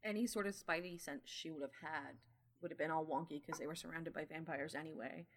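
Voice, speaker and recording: A woman's voice: sits low, brisk. A woman co-hosting a casual podcast chat, thoughtful and weighing both sides. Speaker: podcast co-host.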